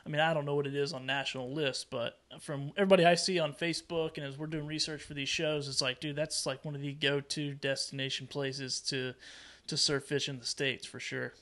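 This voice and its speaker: A young man co-hosting a video-call show, joking excitedly and saying "dude" a lot. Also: on the high side, brisk. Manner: excitable, jokey, says "dude". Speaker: co-host. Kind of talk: casual video-call interview.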